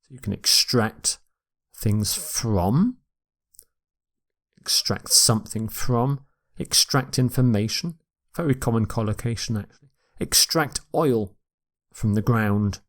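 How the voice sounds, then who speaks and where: A man teaching English vocabulary in a recorded lecture, repeating each word slowly and carefully for pronunciation. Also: on the low side. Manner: slow, deliberate, repeats words for pronunciation.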